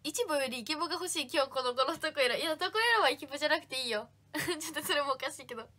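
Bubbly high-voiced young woman streamer. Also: rapid-fire, sharp tone. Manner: bubbly, reads comments aloud and thanks fans by name. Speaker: idol livestream host. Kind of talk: casual livestream chat reading fan comments.

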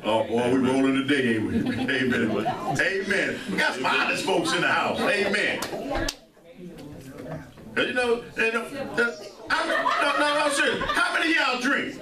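A man's voice: high voice, very animated, moderate pace, a crowd in the background. A man with a St. preaching a sermon, joking with the congregation and calling out amens. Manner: joking, call-and-response with many amens. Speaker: pastor. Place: church sanctuary. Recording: echoey church hall, mic far off, congregation audible.

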